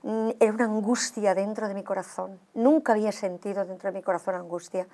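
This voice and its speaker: A woman giving her personal testimony in an interview. She tells it as an animated story and acts out the dialogue. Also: mid-range voice, fast talker.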